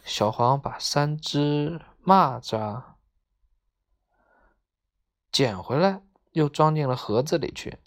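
A woman narrating a children's story in a gentle, measured way. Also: sits low, lively intonation.

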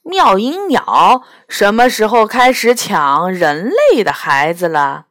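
A woman voicing a gruff, proud male palace beast with a dragon's body and bull horns, blunt and scoffing, in a storybook reading. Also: mid-range voice, expressive, slow, fairly bright tone, no room sound, clean studio sound. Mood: puzzled.

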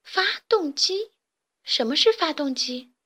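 Woman doing a high, curious little chick boy for a storybook, wide-eyed. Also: expressive, measured pace, fairly bright tone. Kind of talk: storybook character voice.

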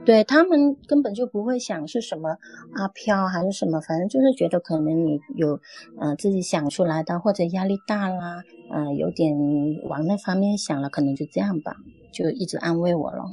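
Husky woman from recounting a ghost encounter. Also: lowish voice, warm tone. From Guangdong, China. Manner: earnest, halting storytelling. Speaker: caller sharing a story. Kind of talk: first-person ghost story telling.

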